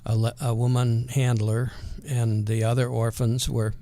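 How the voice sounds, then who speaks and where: An older man with a natural Vermont accent and rural twang, reminiscing casually and hesitantly in a folksy, unhurried way as an interview guest. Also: medium pitch, little pitch movement, dark tone, no echo.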